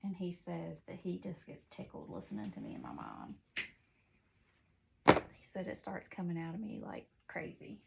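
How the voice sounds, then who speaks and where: Southern woman craft instructor, gravelly edge, talks in chatty asides. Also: lowish voice, huge pitch swings, moderate pace, heavy background noise. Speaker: wreath-making instructor. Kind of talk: casual craft tutorial. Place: at home.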